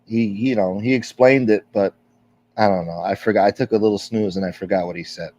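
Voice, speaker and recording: On dull, lo-fi stream audio, a middle-aged host talks casually with his livestream audience and reads their comments, rambling candidly with lots of fillers and swearing. His voice is on the low side, a little mellow, fairly quick, and fairly even in intonation.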